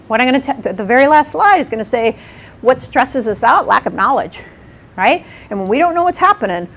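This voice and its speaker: A woman giving a live workshop talk in a conversational way, acting out quotes and often checking in with "okay?" and "right?". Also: sits high. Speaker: workshop presenter. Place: lecture room at a workshop.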